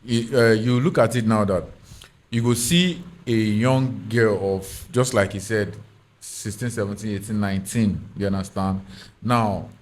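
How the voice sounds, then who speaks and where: A man's voice: on the low side, a little slow. A man with a Nigerian accent giving his opinions emphatically on a podcast panel in Pidgin and English, often checking he is understood.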